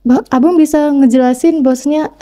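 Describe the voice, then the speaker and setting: A woman's voice: high-pitched, steady tone, brisk, mellow. A woman hosting a podcast interview, listening attentively and offering short reflections on what her guest says. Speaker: podcast host.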